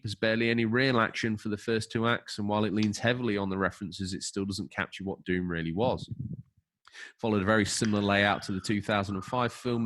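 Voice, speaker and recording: Low-ish guy reading a script on a podcast, jokey, trips over names. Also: fairly bright tone. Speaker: podcast co-host.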